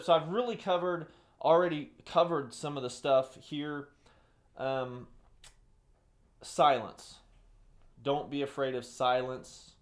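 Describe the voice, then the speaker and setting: A man teaching a live-streamed lesson, repeating key phrases and moving between loud excited bursts and soft, low delivery. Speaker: presenter teaching webinar skills. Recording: roomy echo.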